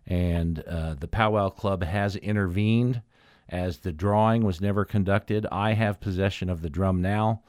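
A man hosting a community news update, giving semi-formal announcements in a deliberate, matter-of-fact way with frequent pauses. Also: sits low, fairly even intonation, a little mellow, no room sound, studio quality.

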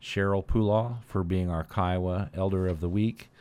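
A man hosting a community news update, giving semi-formal announcements in a deliberate, matter-of-fact way with frequent pauses. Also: low-pitched, steady tone, warm tone, clean tone.

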